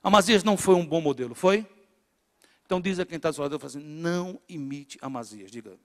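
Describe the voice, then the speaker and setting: A middle-aged man from northeastern Brazil with a Northeastern Brazilian accent, preaching to a congregation with rhetorical questions and swings between loud and hushed. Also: on the high side, expressive, quick pace. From Natal, northeastern Brazil. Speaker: pastor. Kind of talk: sermon to a congregation. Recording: long hall reverb in a church.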